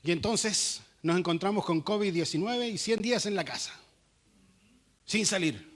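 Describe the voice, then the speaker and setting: Chilean male pastor, high-pitched, animated sermon delivery with acted-out dialogue. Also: normal speed. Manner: animated preaching with acted-out quotes.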